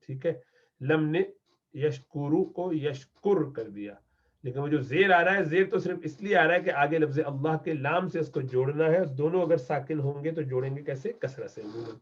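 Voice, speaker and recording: Man teaching Arabic grammar, dull recording. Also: fairly high pitch. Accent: Pakistani Urdu. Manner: reads Arabic slowly, then explains quickly in Urdu.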